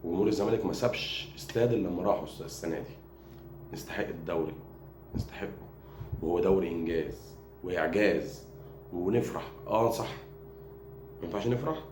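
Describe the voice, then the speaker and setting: A man with an Egyptian accent, ranting to camera as a football fan and mocking rival supporters. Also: low voice. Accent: Egyptian Arabic. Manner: taunting, mocking rival fans; rapid, repetitive, animated delivery. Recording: echoey room with background noise.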